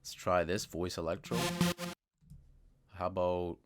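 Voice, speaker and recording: A man's voice: deep voice, monotone, measured pace, over loud music. A man casually walking through a synthesizer plugin, thinking aloud with plenty of fillers and trailing remarks. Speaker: music producer reviewing a synth plugin. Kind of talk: casual screen-recorded software walkthrough. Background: synth sounds playing.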